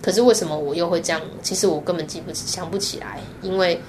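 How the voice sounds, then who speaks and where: Telling frank stories from her own life, this Taiwanese Mandarin-accented woman is lively, laughs a lot, and mimics the people she quotes. She speaks quickly in a fairly low voice against a noisy background.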